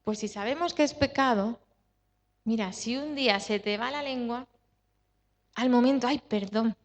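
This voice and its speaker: A woman's voice: on the high side, moderate pace. A woman pastor with a Spanish accent from Spain preaching a sermon, stressing points with repetition and questions to the congregation. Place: church hall. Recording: dull sound with long hall reverb.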